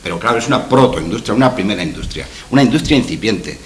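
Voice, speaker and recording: A history lecturer from La Mancha, Spain, gives a conference talk in a conference room with a projection screen. His fairly low voice is animated and quick, with a little hiss or hum. He's hesitant, repeats words, and tags asides with "¿verdad?".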